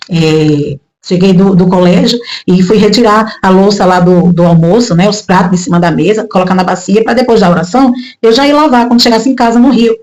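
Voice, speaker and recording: A woman in her thirties from Brazil telling a personal religious testimony in casual talk, emotional and rising high when she quotes her own prayers, with frequent tag questions. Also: a little fast, hardly any pauses, a little mellow, poor audio. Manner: frequent "né?" tags. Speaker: testimony speaker.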